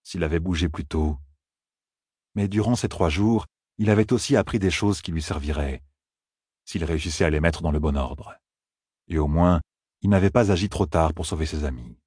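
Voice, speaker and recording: A man narrating a fantasy audiobook in a measured storytelling voice. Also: low-pitched, a little mellow, breathy edge, dry recording, studio quality. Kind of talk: scripted narration.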